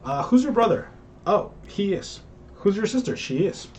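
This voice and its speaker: A man's voice: sits high, sing-song, unhurried, a little mellow, slight background noise. Playful man teaching English. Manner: playful, jokes and acts out quoted voices. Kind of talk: casual video lesson.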